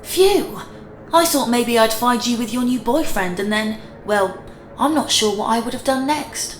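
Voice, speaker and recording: A woman's voice: unhurried, echoey room, a little hiss or hum, close to an everyday voice. A woman voicing a menacing, volatile ex-boyfriend. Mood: mock-friendly. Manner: mock-friendly, then low and dangerous. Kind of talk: horror story narration.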